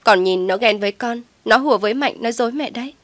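A woman's voice: medium pitch, brisk, dry recording, natural voice. A woman voicing a stubborn young daughter who pleads tearfully with her mother, recorded dry and close. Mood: pleading.

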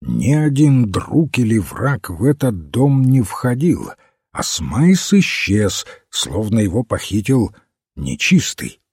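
A man narrating a detective story aloud in an expressive, dramatic manner. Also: mid-range voice, takes it slowly, breathy edge, dry recording, studio quality. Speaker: audiobook narrator. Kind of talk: scripted narration.

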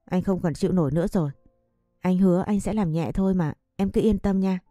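Brief: tipsy husband sweet-talking his wife, read by a woman, soft and dark. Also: lowish voice, fairly quick, dry recording, studio quality, soft background music, natural voice. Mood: coaxing. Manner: coaxing.

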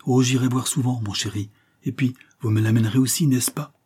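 A man voicing a young grieving noblewoman, husky. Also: mid-range voice, fairly even intonation, fairly quick, mellow, pitched above the performer's own voice. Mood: tender. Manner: tender, restrained anguish. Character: young grieving woman, a banker's daughter.

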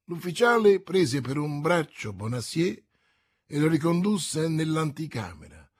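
A man reading a classic novel aloud in a measured, expressive way. His husky, breathy voice moves slowly and rises and falls widely in pitch. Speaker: audiobook narrator. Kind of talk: dramatic audiobook reading.

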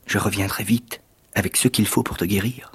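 A man's voice: fairly low pitch, fairly even intonation, normal speed, breathy edge. A man doing a plucky young boy. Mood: pleading. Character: plucky young boy hero, at times posing as a beggar.

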